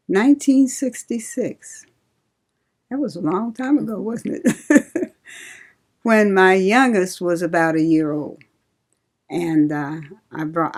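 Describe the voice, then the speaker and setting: An older woman from Ohio, a retired nurse, reminiscing slowly and laughing often in an oral history interview. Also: on the low side, a little mellow. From Cincinnati, Ohio.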